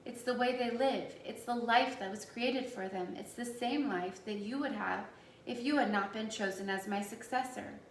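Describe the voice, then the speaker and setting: A calm, firm old man with a measured, weary way of speaking, as a woman reads him in a storybook. His voice sits a little high and comes from a distance in an echoey room. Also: slight background noise, lightly acted. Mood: grave. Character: wise weary old man, keeper of memories.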